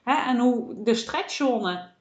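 A woman's voice: a little high, lively intonation, slow pace, a little mellow, roomy sound, dull audio. A woman hosting a solo podcast, speaking earnestly and encouragingly as a coach, often adding a questioning "hè". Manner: earnest, encouraging, many "hè" tags.

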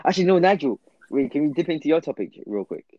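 A man's voice: fairly high pitch, sing-song, fast talker, warm tone, no room sound, dull audio. A young man with a London roadman accent chatting casually in slang, often repeating his phrases. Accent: London, urban roadman slang. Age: young adult. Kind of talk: casual group chat.

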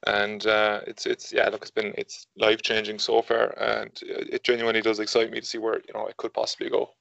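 Irish guy from the west, twenties, casual podcast chat, really monotone, bit gravelly, dull lo-fi audio. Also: fairly low pitch, a little fast, no room sound. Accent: west of Ireland. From Galway, Ireland. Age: 20s. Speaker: podcast guest.

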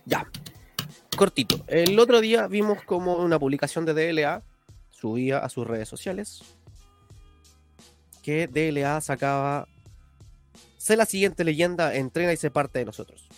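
A man's voice: on the high side, unhurried, long pauses, soft background music. A man co-hosting a casual podcast, making an emphatic, indignant complaint. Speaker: podcast co-host.

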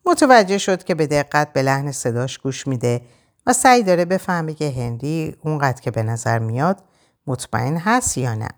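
A woman narrating an audiobook in an expressive, measured way. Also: deep voice.

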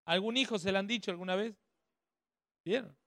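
High-voiced man teaching a workshop. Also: moderate pace, sharp tone, no room sound, studio quality. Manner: conversational, checks with the audience often. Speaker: speaker at a family workshop.

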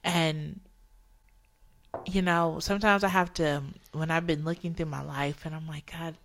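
A woman's voice: deep voice, fairly even intonation, measured pace, fairly bright tone, slight background noise. A woman co-hosting a podcast, reflective and heartfelt in casual conversation. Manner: reflective, heartfelt, speaks of faith. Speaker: podcast co-host.

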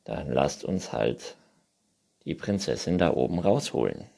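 A man voicing a stubborn, contrary unicorn from a children's story, gruff and curt. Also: extremely low pitch, expressive, a little slow, dark tone, voice pushed down, exaggerated voice. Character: stubborn grumpy unicorn, always says no. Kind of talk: children's book reading.

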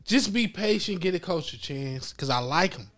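A man's voice: high voice, animated, moderate pace, fairly bright tone, soft background music. A man with a Detroit accent co-hosting a podcast, teasing the others and laughing a lot. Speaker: podcast co-host. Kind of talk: casual chat.

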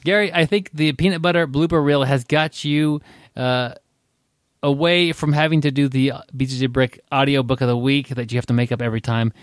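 A man's voice: mid-range voice, fairly even intonation, fairly quick, no room sound, clean studio sound. Rambling male podcast host. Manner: rambling, many fillers and restarts. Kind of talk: casual podcast chat.

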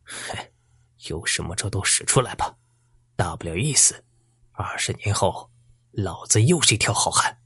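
A man doing a hushed, defiant old teacher. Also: deep voice, expressive, normal speed, long pauses, breathy edge, no echo, exaggerated voice. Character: stubborn, proud old village schoolteacher, man.

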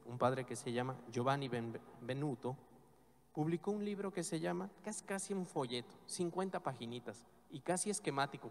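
A man, a priest, reading the Gospel and preaching a homily in measured, emphatic phrases with slow stressed words. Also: mid-range voice, vocal fry, a little mellow. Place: church. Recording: long church reverb.

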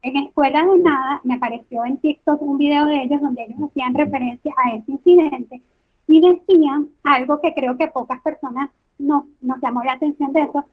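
A woman with a notably high voice and a Venezuelan coastal Caribbean accent that could pass for coastal Colombian. She discusses her views casually as a podcast guest. The audio is narrow and tinny, like a phone call. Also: moderate pace. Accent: Venezuelan, coastal Caribbean, sounding like coastal Colombian.

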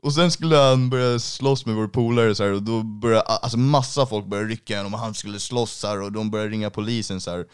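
A man's voice: lowish voice, fairly even intonation, hardly any pauses, clean tone. Slangy young man telling a story. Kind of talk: casual chat.

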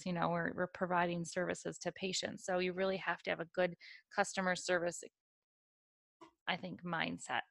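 A woman's voice: fairly low pitch, fairly bright tone, dry recording, studio quality. A woman who works as a dental assistant, co-hosting a casual chat and giving advice with wry jokes. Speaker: dental assistant, podcast co-host.

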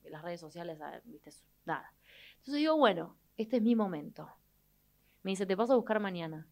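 A young adult woman with an Argentine accent, telling a personal story in an expressive way and acting out the people she quotes. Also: mid-range voice, normal speed. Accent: Argentine Spanish. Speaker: guest. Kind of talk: animated storytelling in conversation.

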